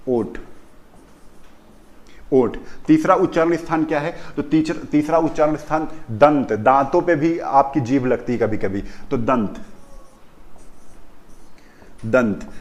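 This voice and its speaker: Hindi teacher drilling students, asking questions. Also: male voice, on the high side. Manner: repeats key terms, asks the class questions. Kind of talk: classroom lesson on pronunciation.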